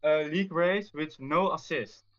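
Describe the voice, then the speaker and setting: A man's slightly high voice comes through a dull, lo-fi voice-chat connection. He is a racing driver in a casual interview, answering plainly and haltingly. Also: a bit bright. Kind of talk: casual post-race interview.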